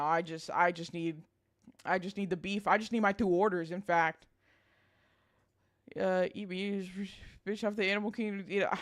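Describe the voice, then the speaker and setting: A woman chatting casually as a livestream host, with a bubbly, girlish streamer delivery and a blunt, sweary, playfully emphatic way of talking. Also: medium pitch. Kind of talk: casual livestream chat, reading and answering viewers.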